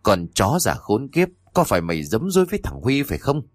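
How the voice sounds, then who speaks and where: A man playing a furious jealous husband from an old spooky audiobook, harsh and insulting, spitting out rapid scolding that lurches up and down in pitch, his voice low and close without any room sound. The delivery is biting and relentless, every word a fresh accusation. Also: wildly swooping pitch, no room sound. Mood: enraged. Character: jealous, abusive husband in his village home.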